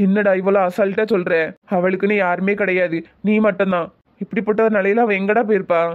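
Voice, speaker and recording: A man's voice: high voice, fairly even intonation, quick pace, dry recording, narrow, tinny audio, lightly acted. A man voicing a caring young male friend in a cartoon, asking insistent questions in a Tirunelveli Tamil accent. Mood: concerned. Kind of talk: cartoon voice acting.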